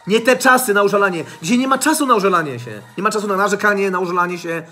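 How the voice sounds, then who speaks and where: A man's voice: high-pitched, lively intonation, rapid-fire, sharp tone, soft background music. A man giving a blunt motivational monologue to his channel, swearing freely and repeating his points over and over. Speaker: motivational vlogger.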